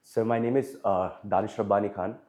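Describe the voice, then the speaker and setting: Speaking a little fast with fairly even intonation, this young man's lowish voice sounds slightly mellow. In his twenties and with an Indian English accent, he answers interview questions formally, hesitating, leaning on fillers, and deferentially tacking on "sir" again and again.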